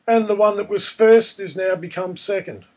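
A man presents a casual software tutorial in a noticeably high voice. It sounds husky and croaky, hoarse with a cold, as he talks through each step. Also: normal speed. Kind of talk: casual screencast tutorial narration.

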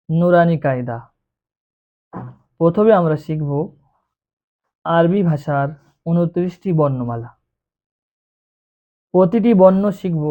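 Slow, patient teacher on a tinny line. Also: mid-range voice. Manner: slow, patient, draws out each letter sound to demonstrate. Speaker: Quran reading teacher. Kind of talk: beginner lesson. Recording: tinny phone-like recording.

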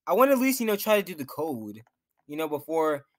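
Young man, high voice, nervous gameplay commentary, talks to himself. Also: very animated, brisk. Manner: jittery, nervous, talks to himself while playing. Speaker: gaming YouTuber.

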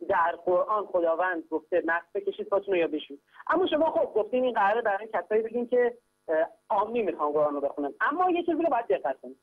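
Man teaching over a tinny phone line. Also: very high voice. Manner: patient, methodical, repeatedly urges listeners to pay close attention. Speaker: caller teaching Quran grammar. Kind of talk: explanatory religious lesson.

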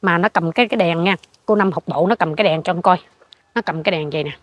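An older woman with a Southern Vietnamese accent, telling a ghost story in an animated way and acting out what she saw. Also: on the low side, fast talker, no room sound. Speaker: interviewee. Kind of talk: ghost story told in conversation.

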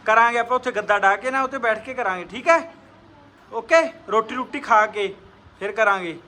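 A woman's voice: on the high side, brisk, bright, forceful tone, poor audio. A woman with a Punjabi accent, filming a casual family vlog and coaxing and teasing her children with questions.

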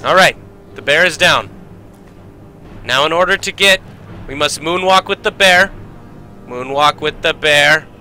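A man giving live gameplay commentary as a streamer, joking and swearing, with sudden shouted outbursts. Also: fairly high pitch, a little slow, pauses often, faint music behind. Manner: excitable and profane, jumping into shouted outbursts; playful mock-ritual joking.

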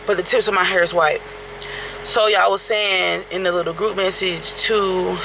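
A young woman vlogs casually from home, talking straight to her viewers with plenty of swearing and exasperation. Her voice has a gravelly fry to it. The phone recording is noisy. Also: on the low side. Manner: profane, exasperated, talks to viewers as y'all. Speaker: vlogger. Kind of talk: casual vlog chat.

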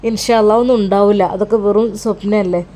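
A woman voicing a calm, reassuring young adult son, speaking earnestly. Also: medium pitch, fast talker, slight background noise, pitched below the performer's own voice, lightly acted. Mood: soothing. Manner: soothing, steady, earnest.

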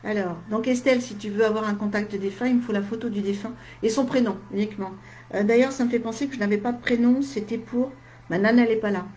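Tired, slightly husky woman chatting live. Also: on the high side, steady tone, fast talker, darkish tone, slight background noise. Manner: chatty, talks straight to viewers in short asides. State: tired, with a slight head cold. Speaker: medium. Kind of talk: casual live stream, answering viewer comments.

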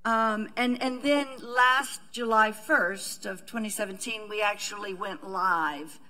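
Woman, middle-aged, university administrator, slow, bright, panel talk with fillers, conference room table mic. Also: mid-range voice, poor audio. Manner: measured, with many fillers and restarts. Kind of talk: panel presentation.

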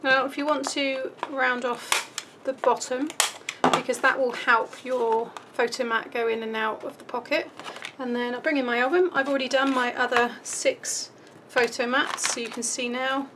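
Seated indoors at her craft table, this UK woman chats through a step-by-step tutorial, musing aloud as her voice starts to go. She sounds high-pitched and steady, keeping a moderate pace with hardly a pause, while background noise runs underneath.

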